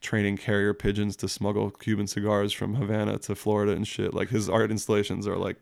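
A man's voice: fairly low pitch, completely flat delivery, brisk, gravelly, dry recording, studio quality. A young man telling stories in a casual chat, rambling and slangy, packing every sentence with fillers and swearing. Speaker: guest telling tattoo stories.

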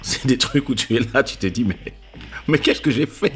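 A man in casual chat, telling a story with animated delivery and acting out quotes in a high voice. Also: moderate pace. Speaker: podcast host.

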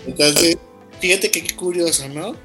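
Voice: mid-range voice, unhurried, music in the background. A podcast host from León, Guanajuato, with that region's accent, chatting in a friendly, rambling way with a guest. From León, Guanajuato, Mexico. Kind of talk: casual interview chat.

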